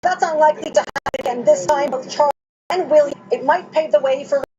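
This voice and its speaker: A woman's voice: sits high, quick pace. A woman from the Boston area anchoring a live morning news show in a loose, chatty way. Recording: dull lo-fi broadcast with faint noise.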